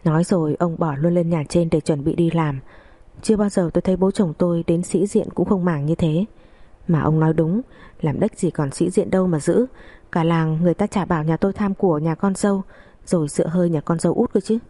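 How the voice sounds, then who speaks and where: A woman narrating a family drama in the first person, in a steady, gossipy storytelling manner. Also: on the low side, a little fast.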